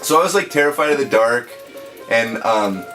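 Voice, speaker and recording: A man's voice: mid-range voice, expressive, normal speed, fairly bright tone, poor audio. Rambling young man telling stories. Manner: rambling storyteller, swears freely, laughs often. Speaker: host and gaming commentator. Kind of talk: casual chat over gameplay. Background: retro game music.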